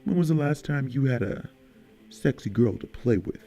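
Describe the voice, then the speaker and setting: A man's voice: mid-range voice, expressive, moderate pace, warm tone, soft background music, lightly acted. A man voicing a cold, sneering mob enforcer who taunts his captive. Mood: menacing. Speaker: audiobook character.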